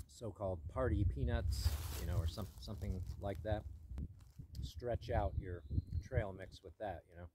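A man's voice: on the low side, noisy background. An older man narrating casually as he hikes a forest mountain trail outdoors, thinking aloud with many fillers and the odd dry joke. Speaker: hiking vlogger. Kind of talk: casual narration while hiking.

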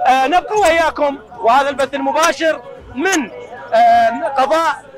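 A man with an Iraqi accent reporting live and asking brisk questions outdoors at a crowded procession. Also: extremely high pitch. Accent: Iraqi Arabic. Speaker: field reporter. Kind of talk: live broadcast interview. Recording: crowd noise behind.

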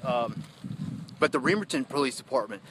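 A man's voice: medium pitch, animated, moderate pace, background noise. A man ranting in an emotional phone livestream, heated and accusatory, rambling with many asides. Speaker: citizen activist livestreaming.

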